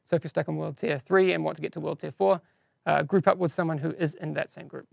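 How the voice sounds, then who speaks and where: A man with a heavily gravelly, fry-laden voice and an accent hosts a live game-news stream. He talks casually to chat in a dry, close-sounding room, slipping in self-deprecating asides between updates. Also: fairly high pitch, fairly even intonation, fast talker, a little mellow, no room sound. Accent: non-standard English accent, teased by viewers.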